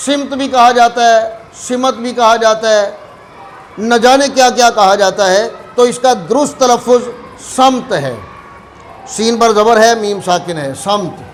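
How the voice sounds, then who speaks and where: High-voiced man teaching pronunciation carefully. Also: slight background noise. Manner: careful, deliberate, repeats key words for emphasis. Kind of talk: explanatory lesson.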